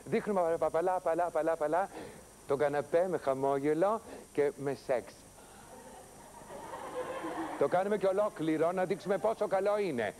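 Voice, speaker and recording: An actor playing an exasperated TV producer who nags and lectures a new hire. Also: male voice, a little high, pauses often, darkish tone, slight background noise, lightly acted. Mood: lecturing. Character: exasperated TV show producer, a middle-aged man. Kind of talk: TV sketch comedy acting.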